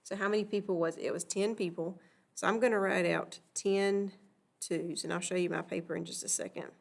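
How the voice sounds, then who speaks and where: A woman's voice: fairly low pitch, fairly even intonation, a little fast, gravelly. A woman teaching a recorded math lesson, patiently walking through examples and checking in with "okay?".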